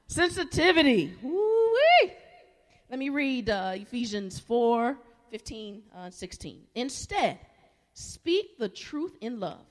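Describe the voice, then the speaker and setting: A woman's voice: a little high, slow. A woman preaching a sermon, leading the congregation in call-and-response and acting out the people in her stories. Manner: animated storytelling, acts out quoted voices. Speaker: guest preacher. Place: large worship hall. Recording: echoey hall.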